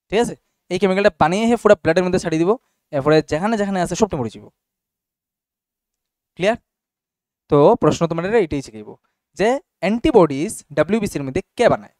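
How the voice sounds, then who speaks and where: A man's voice: high voice, dry recording, studio quality. A young man teaching a class casually and often checking whether students follow. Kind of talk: classroom biology lesson.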